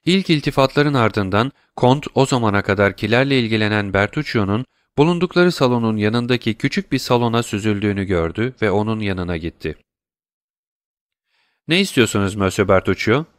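A man narrates a classic novel in a steady, even reading voice. The recording is dry and close, with no room sound. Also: a little fast, few pauses, no echo. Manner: steady, lower-voiced narrating between dialogue. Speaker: audiobook narrator. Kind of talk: scripted narration.

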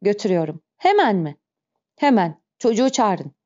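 A reserved male stranger who answers in short, calm words, read by a woman in her own voice. The tone is mellow and the recording dull and lo-fi. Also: medium pitch, moderate pace, close to an everyday voice. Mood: curt. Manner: curt, terse.

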